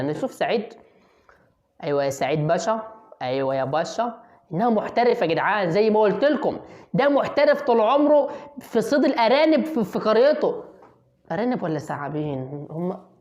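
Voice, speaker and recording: An Egyptian woman rattles off quick, joking voice-over commentary in a middle-pitched voice. She plays a mock sportscaster, teasing the people on screen and sometimes bursting into excited yells. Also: highs cut off. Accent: Egyptian Arabic. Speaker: comedic video commentator.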